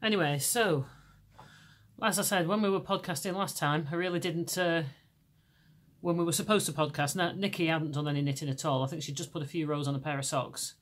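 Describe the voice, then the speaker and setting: This middle-aged Lancashire podcast host from England chats casually with fairly even intonation and a fairly quick pace. Her deep voice is still hoarse from a bout of laryngitis, and she rambles, repeatedly starting over.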